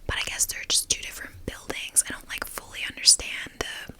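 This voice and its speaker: A young adult woman gives a casual ASMR ramble in a soft, breathy whisper, as a content creator talking to her viewers. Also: fairly quick.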